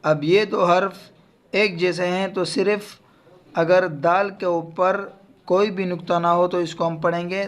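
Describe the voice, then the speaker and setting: A man's voice: high voice, muffled recording. A man with a Pakistani Urdu accent teaching Quran letter pronunciation to children, stretching out each letter sound between explanations.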